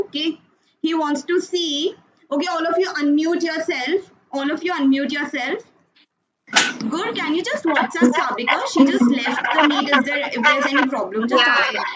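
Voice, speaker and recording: Woman, high bright voice, encouraging teacher, online kids' class, dull video-call sound, background noise. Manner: encouraging, coaxing, praises often.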